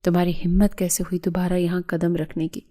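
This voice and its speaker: A woman's voice: lowish voice, monotone, warm tone, natural voice. A woman voicing an enraged older father in an audio story, bitter and roaring. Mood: furious. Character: furious older father, proud head of family.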